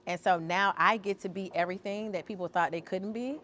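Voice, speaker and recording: A woman's voice: mid-range voice, brisk, a bit bright. A woman artist talking as a podcast guest, telling stories expressively and acting out the voices she quotes. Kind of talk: interview conversation.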